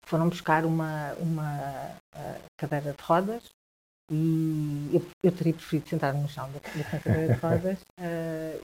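A woman with a European Portuguese accent, telling a personal story as a guest in a conversation, with halting speech, frequent restarts and repeated words. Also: lowish voice, warm tone.

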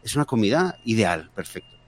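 A man's voice: on the low side, very animated, fairly quick. A man co-hosting a casual podcast chat, a father telling a story with many fillers and restarts. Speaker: podcast co-host; father of daughters.

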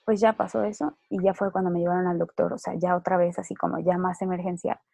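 A woman's voice: on the low side, level tone, quick pace, vocal fry, dark tone, dry recording. A woman with a Mexican accent telling a personal story in casual chat. She speaks chattily, fills her speech with "o sea" and "¿no?", and acts out what others said.

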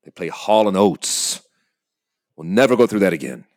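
Man playing a frazzled, stammering low-voiced airline customer. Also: big pitch swings, darkish tone. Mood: panicked, exasperated. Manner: halting, stammering, exasperated. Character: anxious, frazzled divorced male airline passenger at breaking point. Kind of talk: naturalistic comedic drama acting.

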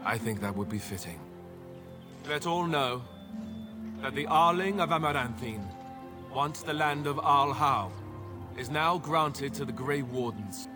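A man's voice: mid-range voice, animated, unhurried, pauses often, natural voice. An actor playing a solemn, newly crowned king in a video game, speaking in formal, kingly public oratory. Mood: regal, formal. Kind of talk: scripted video game cutscene speech. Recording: game audio with music behind. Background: music.

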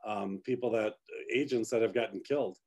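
A man, a real estate agent, talking casually on a podcast in a measured way, with short asides. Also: fairly low pitch, fairly even intonation, a little mellow.

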